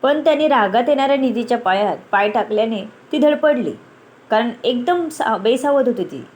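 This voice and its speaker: A woman's voice: fairly high pitch, expressive, normal speed, a little mellow. A woman reading a romance story aloud, acting out the characters' dialogue. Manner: acts out the dialogue, switching voices between characters.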